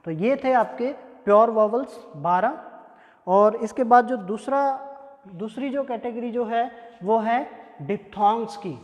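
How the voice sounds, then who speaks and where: Male phonetics tutor, unhurried lesson delivery, drills words by repetition; reverberant room. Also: very high voice. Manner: slow and deliberate, repeats example words for drilling. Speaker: English pronunciation teacher. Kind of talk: classroom-style phonetics lesson. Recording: echoey room with long reverb.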